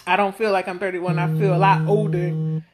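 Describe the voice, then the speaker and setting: A woman in her thirties vlogs casually to camera, rambling, blunt, and outspoken, her talk packed with fillers. Her voice is on the low side with fairly even intonation, she speaks a little fast, and loud music plays underneath.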